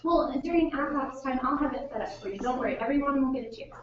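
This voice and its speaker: Speaking quickly in a high voice, a young woman leads a class, asking her students questions and cheering them on. The far-off classroom recording is dull and noisy, with a roomy sound and the murmur of a crowd.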